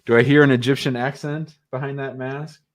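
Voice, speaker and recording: With a mid-range voice and a flat, slightly fast delivery, a man runs a live call-in advice show on immigration law. He chats casually and answers briefly and informally in a reassuring way.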